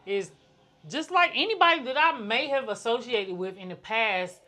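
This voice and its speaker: Podcast woman, bright edgy voice, deadpan one-tone delivery, casual opinions. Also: on the high side, normal speed. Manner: flat, nonchalant, one-tone delivery. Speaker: podcast co-host. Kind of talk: casual chat.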